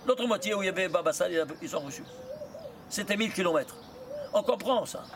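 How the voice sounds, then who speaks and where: A rabbi teaching a lively Torah lesson, quizzing his students with quick rhetorical questions and mixing in Hebrew terms. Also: high voice, background noise.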